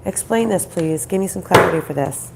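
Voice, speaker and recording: A woman with a groggy, croaky voice from a troubled throat, doing a conversational card reading in halting, repeated phrases and questions. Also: on the low side, expressive, heavy background noise. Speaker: spiritual card reader, host.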